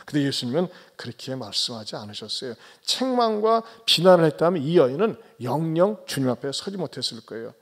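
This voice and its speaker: A man, a pastor, preaching a Sunday sermon. He questions the congregation directly and swings between soft, low asides and loud, raised exhortations. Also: very animated, a little fast, hardly any pauses.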